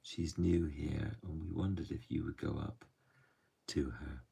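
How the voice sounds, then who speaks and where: A man telling a true story softly and gently, often dropping to a hush. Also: rumbling low, steady tone, recorded from a distance. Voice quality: gravelly and husky. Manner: soft, unhurried, often drops to a hush.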